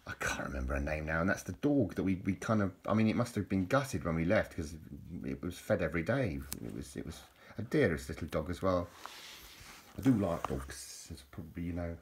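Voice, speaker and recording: A man's voice: low-pitched, lively intonation, fairly quick. A middle-aged man, casually reminiscing over old photos in a rambling way, often repeating his words. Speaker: vlogger.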